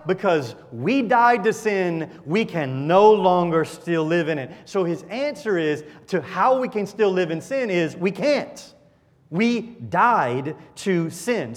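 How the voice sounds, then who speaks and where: Male pastor, emphatic sermon delivery with rhetorical questions, higher voice, long reverb. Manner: emphatic, rhetorical questions, swings loud and soft.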